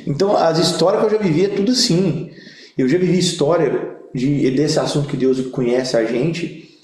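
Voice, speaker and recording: His voice on the high side and his pace moderate, the young Brazilian pastor shares humorous stories in a relaxed interview. He performs the voices of the characters with comic animation, and the room sounds echoey.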